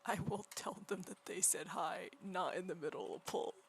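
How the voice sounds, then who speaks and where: A woman livestreaming while she draws, chatting casually in a quiet, soft, near-whispered voice and rambling through many restarts. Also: on the low side, moderate pace, a little hiss or hum. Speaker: livestreaming artist. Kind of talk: casual chat while drawing. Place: home room beside a partner who is gaming.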